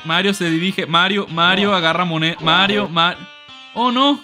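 A young gaming streamer with a Mexican accent provides casual, jokey let's-play commentary in a high-pitched voice at a moderate pace. He gets excitable, swears freely, and yells at the game while soft music plays underneath.

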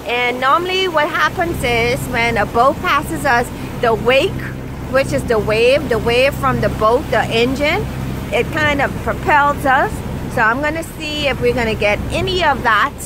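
A woman's voice: sits high, measured pace. A woman chatting casually as she films a sailing vlog from the deck of a sailboat, explaining things with many fillers. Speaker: sailing vlogger. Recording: windy outdoor phone recording. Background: wind and water noise.

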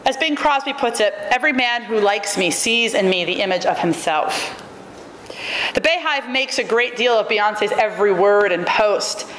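A woman in her thirties gives a keynote, reading her prepared academic lecture at a podium microphone. Her fairly high, slightly bright voice is measured and wryly emphatic as it fills a large auditorium. A long reverb tail and a faint room hiss make the audio roomy.

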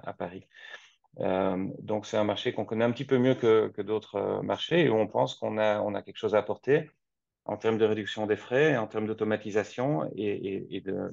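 A man from Belgium in his forties, speaking in a measured way with frequent restarts, interviewed over a video call from his office. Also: on the low side, creaky, darkish tone, no echo. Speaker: guest, company co-founder. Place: office, seated at a desk. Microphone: webcam on a video call. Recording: dull lo-fi video call audio.

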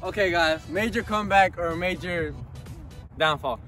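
A young man on an outdoor football pitch, teasing and boasting his way through a casual trash-talk challenge. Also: normal speed. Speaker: channel host, player. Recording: outdoor audio with loud music over it.

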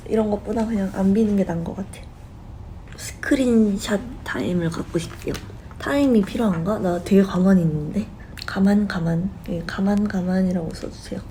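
A young woman chatting casually with fans on a live stream, talkative and quick to giggle. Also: mid-range voice, mellow, slight background noise, rough recording. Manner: chatty and giggly, laughing often.

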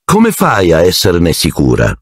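A man's voice: low-pitched, huge pitch swings, unhurried, breathy edge, no echo, clean studio sound, heavily acted. Man doing a cold, sneering wizard teacher. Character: cold sardonic male potions master.

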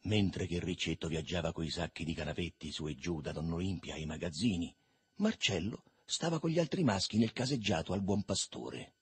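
A man reading a literary novel aloud in a lively, expressive way. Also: deep voice, brisk, breathy edge. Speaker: reader.

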